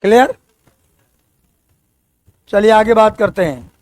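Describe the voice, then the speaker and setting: Slow, high-pitched male teacher. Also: a little mellow, no room sound. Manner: slow, repeats key words and quizzes students. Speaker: English teacher. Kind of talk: exam-prep language lesson.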